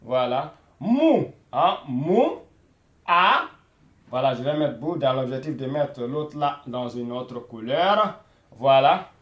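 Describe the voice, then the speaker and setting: Patient male language teacher, unhurried and roomy, drilling words again and again. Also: mid-range voice, sing-song, fairly bright tone, dull audio. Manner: repeats words slowly, many "voilà" fillers. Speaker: Arabic teacher. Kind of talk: beginner language lesson.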